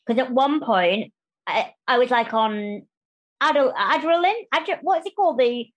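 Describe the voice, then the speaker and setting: A woman speaking candidly as a podcast interview guest, animated and quick to restart phrases and act out what others say. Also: high voice, muffled recording. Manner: animated, restarts phrases, acts out quoted voices.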